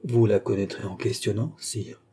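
A man voicing a calm, gentle noble princess whose replies trail off softly. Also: lowish voice, normal speed, slightly rough. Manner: soft, simple replies trailing off quietly.

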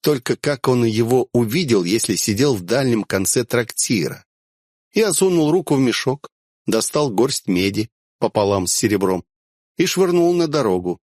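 A man's voice: medium pitch, lively intonation, moderate pace, a little mellow, no echo. A man narrating a first-person fantasy audiobook with a wry, dry-humored delivery.

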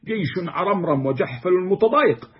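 Man giving a poetry lecture, raspy voice, reads a line then breaks it down, dull lo-fi sound. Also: sits high, expressive, normal speed. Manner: recites verses, then explains them word by word. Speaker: lecturer explaining classical poetry. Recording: dull, muffled lo-fi recording.

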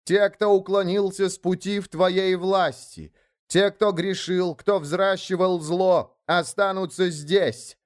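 A man's voice: fairly high pitch, animated, moderate pace, darkish tone, pitched above the performer's own voice, natural voice. A man voicing a stubborn, humble male shaman who chants in a ringing voice in a storybook reading. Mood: chanting.

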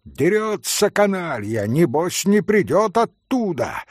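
A man voicing an impulsive, hot-blooded young man who speaks in boisterous, excited exclamations in a storybook reading. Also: sits high, slow, no room sound, clean studio sound, voice pushed up, heavily acted. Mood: triumphant.

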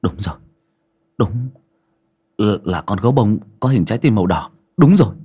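Brief: narrator playing a furious grieving father, husky, rough-edged outbursts. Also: lowish voice, animated, normal speed. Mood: tense. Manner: harsh, shouting in anger. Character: grieving, enraged young father.

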